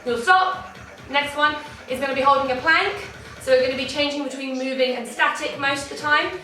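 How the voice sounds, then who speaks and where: A woman's voice: high-pitched, fairly even intonation, fairly quick, bright, forceful tone. Breathless woman teaching a dance class. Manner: encouraging, counts beats aloud. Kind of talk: online dance warm-up class. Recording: echoey room, distant from mic, faint music.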